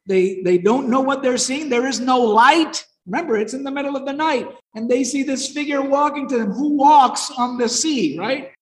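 A man's voice: extremely high pitch, brisk, few pauses. A man teaching a Bible lesson in a conversational way, often asking listeners questions and retelling the story with energy. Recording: echoey hall.

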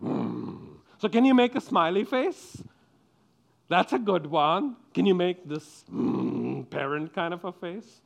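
A man's voice: sits high, big pitch swings, takes it slowly, creaky. A man giving a playful children's sermon as pastor, coaxing the kids and the congregation with questions.

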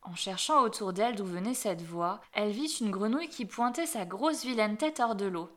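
A woman reading a fairy tale aloud as storyteller, gentle and dropping softly at the ends of phrases. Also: mid-range voice, lively intonation, normal speed.

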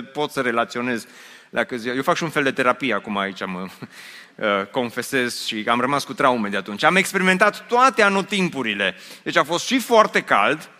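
A man's voice: a little high, sharp tone. A man preaching a sermon to his congregation, telling a story with humor and asking them questions. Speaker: pastor. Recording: long hall reverb.

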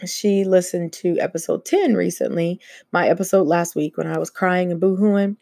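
A woman's voice: fairly low pitch, steady tone, moderate pace, creaky, mellow, no echo, clean studio sound. A woman hosting her own podcast, talking casually and laughing often between many fillers. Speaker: podcast host. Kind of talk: casual solo podcast chat.

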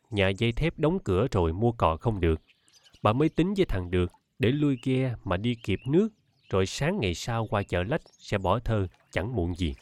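A man reading a novel aloud as an audiobook narrator, in a steady, measured way. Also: lowish voice. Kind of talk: scripted narration.

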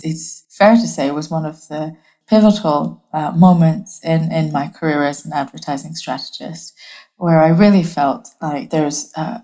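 A woman's voice: low voice, warm tone. A woman from Bangladesh, an advertising strategist, talking as a guest in an interview from her home office. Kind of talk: conversational interview.

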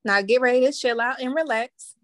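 A woman's voice: on the high side, brisk. A woman co-hosting a podcast in casual chat, slangy and playful, laughing often. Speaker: podcast co-host.

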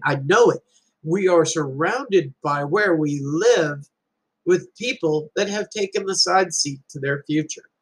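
Addressing a group, a middle-aged man tells an earnest personal story as a parent, emphatically repeating key lines for weight. His voice is a little high, fairly bright in tone and husky, and the recording quality is low.

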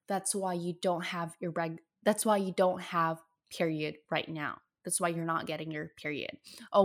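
A young woman casually telling a personal story in an earnest, emotional way, with lots of fillers. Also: on the low side. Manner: earnest, emotional, speaks in bursts with many fillers. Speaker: storyteller sharing a health journey.

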